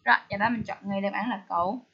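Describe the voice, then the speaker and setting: A woman's voice: mid-range voice, fairly even intonation, quick pace, gravelly, breathy edge. A woman teaching English through a test walkthrough, often asking her listeners questions. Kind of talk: TOEIC test walkthrough lesson. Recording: slightly dull lo-fi audio.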